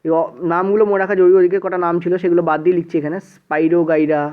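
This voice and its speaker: A man's voice: sits high, steady tone, racing. A man with a Bengali accent teaching an exam-prep science lesson, checking in with students again and again and mixing in English words. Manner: repeats "ঠিক আছে" often, mixes English words in. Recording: tinny phone-like sound.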